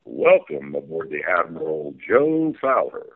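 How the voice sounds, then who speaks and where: A man's voice: very deep voice, big pitch swings, measured pace, narrow, tinny audio, full character voice. A man playing a folksy, hearty riverboat captain in a theme park ride spiel, calling to crew and passengers. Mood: hearty, commanding. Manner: folksy, calls orders to crew.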